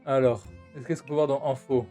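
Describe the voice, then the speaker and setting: Male streamer, mid pitch, casual rambling commentary over faint game music. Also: fairly even intonation, fairly quick, mellow. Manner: chatty, hesitant, many filler sounds.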